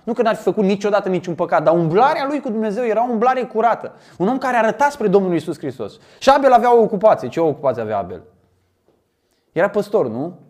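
A man preaching a sermon, questioning his listeners and repeating phrases for emphasis. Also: very high voice.

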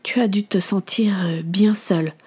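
A woman reading aloud, voicing a gentle aunt who speaks softly and coaxingly. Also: medium pitch, moderate pace, breathy edge. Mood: tender. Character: gentle caring aunt, middle-aged woman.

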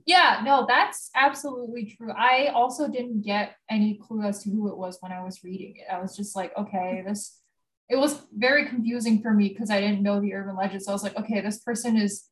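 A young woman co-hosting a podcast in casual chat, easygoing and quick to agree. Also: medium pitch, fairly even intonation, low-quality recording. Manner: easygoing, lots of backchannel agreement. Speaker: podcast co-host.

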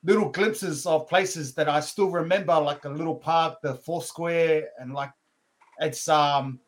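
Aussie guy from brisbane, kinda higher voice, chatting casually as a podcast guest, lots of bro talk. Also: steady tone, measured pace. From Brisbane, Australia, born in New Zealand. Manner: informal, brotherly slang with "eh" tags. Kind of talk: casual interview chat.

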